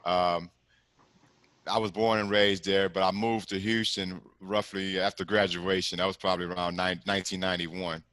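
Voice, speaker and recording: A middle-aged commercial lender from Galveston, Texas, appears as a guest on a video-call interview, talking in a laid-back, rambling way with frequent "man" and "you know what I'm saying." His deep voice has little pitch movement and a moderate pace. The sound is a bit bright with no echo.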